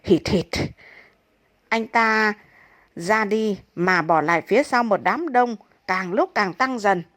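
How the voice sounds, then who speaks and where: A woman reading comic stories aloud with lively, expressive narration. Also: mid-range voice, measured pace. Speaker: storyteller.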